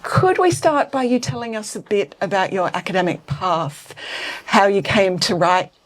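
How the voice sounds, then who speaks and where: A woman's voice: medium pitch, moderate pace. A woman academic opening a book-launch conversation with gracious thanks and formal questions. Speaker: academic interviewer.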